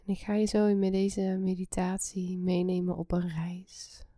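A woman guiding a relaxation meditation in a soft, soothing, breathy half-whisper. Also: fairly low pitch, flat delivery, a little slow, no echo, clean studio sound. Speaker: guided meditation host.

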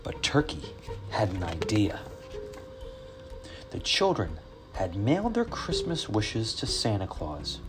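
A man reading a children's story aloud in a slow, expressive storytelling voice. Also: fairly low pitch. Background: music.

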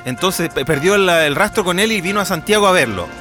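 A Chilean podcast co-host with a high-pitched voice talks a little fast over background music. He chats casually about films, animatedly retelling scenes and acting out the characters' lines.

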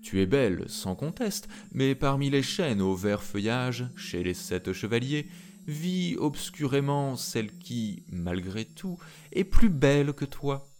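A man reading a storybook, voicing a solemn magic mirror that speaks in a measured, grave way. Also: mid-range voice, sing-song, darkish tone, pitched above the performer's own voice.

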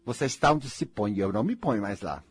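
A man's voice: on the low side, animated, a little fast, slightly rough. A man with a Brazilian accent giving an emphatic, dramatic motivational monologue as a spiritual life coach, acting out mocking dialogues.

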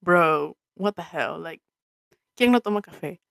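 A woman's voice: fairly low pitch, expressive, slow, creaky, fairly bright tone, no echo, studio quality. A young woman co-hosting a casual podcast, switching between English and Spanish in a teasing way. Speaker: podcast co-host.

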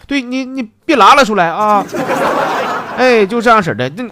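A man's voice: high voice, expressive, crowd noise, noisy background, voice pushed up. A man doing a fussy old restroom attendant. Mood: bossy coaching. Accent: Northeastern Mandarin. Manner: fussy, coaching, rapid.

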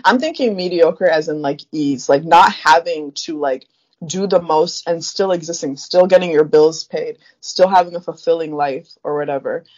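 Low-voiced young woman thinking aloud. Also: normal speed, darkish tone, highs cut off. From Africa. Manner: thoughtful, reflective, many fillers. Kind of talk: casual chat.

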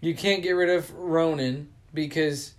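Young man, podcast co-host, slangy casual chat, slightly high voice. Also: unhurried. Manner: excitable, slangy, trails off in restarts.

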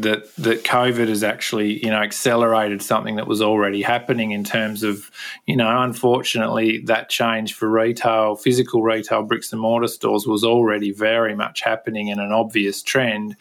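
A man with a Tasmanian Australian accent hosts a podcast interview in an even, narrow-ranged voice. He talks conversationally, circling back and rephrasing his points. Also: fairly low pitch, gravelly. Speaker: podcast host interviewing a guest.

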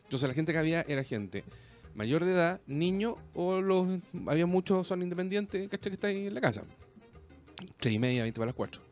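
A Chilean man telling a friend a story in a casual chat, full of slang, restarts and halting bursts. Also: fairly high pitch, lively intonation, soft background music. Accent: Chilean Spanish.

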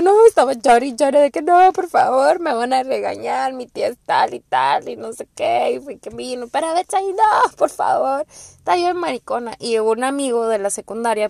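A woman's voice: fairly high pitch, no room sound. A young woman with a Mexican accent hosting a podcast, telling personal stories in a rambling, profane way and acting out the people she quotes. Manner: rambling, profane, animated quoting. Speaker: podcast host. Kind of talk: casual personal storytelling.

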